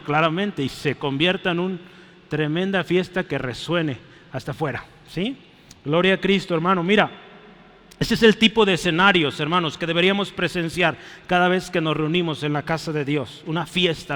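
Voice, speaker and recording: A man preaching a sermon in a church, fervent, often rising to loud exclamations and checking in with his congregation. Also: on the high side. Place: church sanctuary. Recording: echoey church hall.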